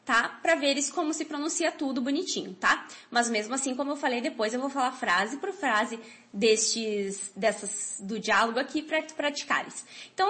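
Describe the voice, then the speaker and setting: A woman's voice: high voice, a bit bright. A woman teaching an online Spanish lesson in a chatty, encouraging way, often checking in with tag questions.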